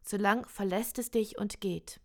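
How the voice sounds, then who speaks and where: Woman, literary reading, prose poetry, slow pace, measured delivery, mid-pitched voice. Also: steady tone. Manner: slow, measured, deliberate recitation.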